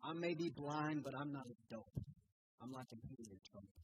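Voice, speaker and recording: A man voicing a sharp-witted, teasing old blind woman in a playful, scolding way. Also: mid-range voice, moderate pace, breathy edge, no room sound, voice pushed up, natural voice, poor audio.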